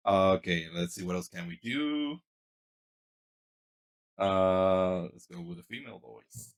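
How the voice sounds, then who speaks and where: A man hosting a casual unboxing vlog, chatting in a relaxed way and thinking aloud as he tests his microphone setup. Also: low-pitched, slow pace, low-quality recording. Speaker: channel host. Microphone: podcast mixer microphone.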